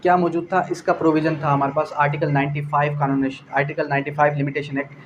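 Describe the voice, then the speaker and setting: In a didactic exam-prep law lecture, a Pakistani-accented man asks questions and answers them himself, weaving English legal terms into his Urdu. His fairly high voice is flat and fast, and the audio is dull with a little hiss or hum.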